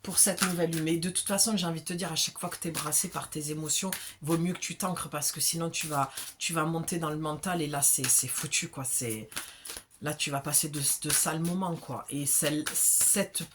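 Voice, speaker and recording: A woman's voice: sits low, brisk, background noise. A woman from the south of France with a southern French accent gives a casual, chatty spiritual oracle card reading to the viewer. She keeps checking in with the listener as she talks. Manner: chatty and familiar, with frequent check-ins.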